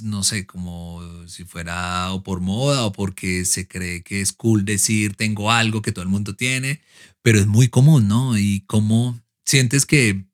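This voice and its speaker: Guy hosting a podcast chat, easygoing, asks thoughtful questions. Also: fairly low pitch. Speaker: podcast host. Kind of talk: casual interview chat.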